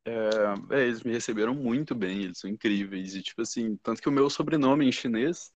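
A man's voice: mid-range voice, a little fast. A young man with a Brazilian Portuguese accent telling stories in a loose, rambling way as a podcast guest, full of slang fillers. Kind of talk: casual chat. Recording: dull, muffled podcast audio.

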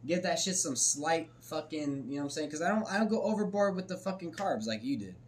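Frat bro dude chatting casually, swears a lot, super emphatic, voice swings up and down. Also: male voice, fairly high pitch, fast. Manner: slangy frat-bro talk, swearing freely; animated, emphatic. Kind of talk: casual chat about food.

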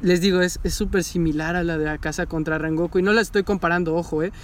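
A man, recapping a show with loud, animated enthusiasm. He talks casually and swears freely as the excitement builds. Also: on the high side, fast talker. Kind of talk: casual chat recapping an anime.

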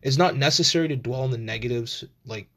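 A man's voice: mid-range voice, fast talker, bright, forceful tone. A man, hosting a solo podcast in an informal, meandering, slangy way. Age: 20s. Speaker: podcast host. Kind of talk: casual rambling solo chat.

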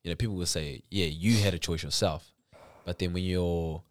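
A man's voice: deep voice, steady tone, moderate pace, no room sound, studio quality. A man with a New Zealand accent chatting informally as an interviewer, using plenty of slang. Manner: informal, slangy, frequent "bro" and "you know". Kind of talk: casual conversational interview.

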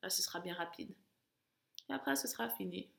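Creaky-voiced woman coaching runners. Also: lowish voice, lively intonation, a little fast, a bit bright. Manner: urging, encouraging coach calling countdowns and commands. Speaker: running coach and podcast host. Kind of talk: guided interval-training coaching. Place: at home, indoors.

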